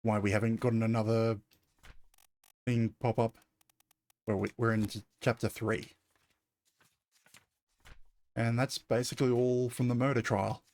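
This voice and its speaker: A man's voice: medium pitch, little pitch movement, unhurried, pauses often, a little mellow. Man puzzling aloud over a game. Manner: puzzling aloud, hesitant, self-correcting. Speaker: streamer. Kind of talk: casual gameplay commentary.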